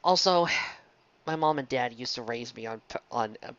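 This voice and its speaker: A fan fiction reviewer rambles casually, drifting off on tangents and tripping into mid-phrase restarts. The voice is medium-pitched and clean, at a moderate pace. The lo-fi recording is dull, close and dry.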